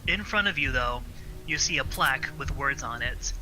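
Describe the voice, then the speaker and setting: A man narrating a tabletop game as game master in a relaxed, searching way with fillers. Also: medium pitch, moderate pace, poor audio. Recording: faint ambient noise.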